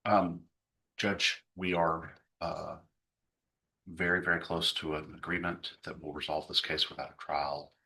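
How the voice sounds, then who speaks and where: A man speaking as defense attorney in a courtroom, hesitant and filling pauses with ums and uhs. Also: extremely low pitch, little pitch movement, creaky, bright, forceful tone. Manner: hesitant, many fillers. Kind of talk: courtroom address.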